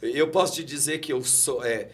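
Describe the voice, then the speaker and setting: At normal speed, the husky, mid-range voice of a Brazilian guest pastor in his 40s carries an emotional testimony. He quotes scripture with the fervor of a preacher during the talk interview.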